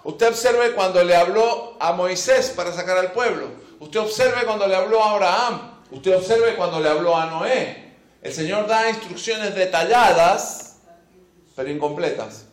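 Man, preacher, sermon, repeats key phrases emphatically, high voice, echoing room. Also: unhurried. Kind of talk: sermon with scripture reading. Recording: echoey room.

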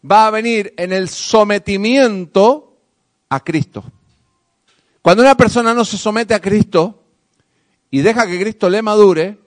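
A male pastor preaching a sermon to his congregation, swinging from soft asides to loud emphasis and calling for responses. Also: high voice. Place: church hall with congregation. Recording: long hall reverb.

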